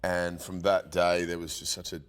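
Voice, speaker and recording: A male actor in an interview, talking in a relaxed way and chuckling. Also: deep voice, moderate pace, clear, resonant tone. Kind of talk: casual interview chat.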